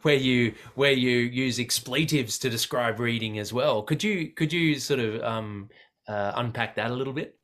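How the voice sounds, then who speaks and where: A man's voice: medium pitch, fairly bright tone. A man hosting an interview, asking long questions that he rephrases and restarts as he goes. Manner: halting, rephrasing his questions. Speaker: host.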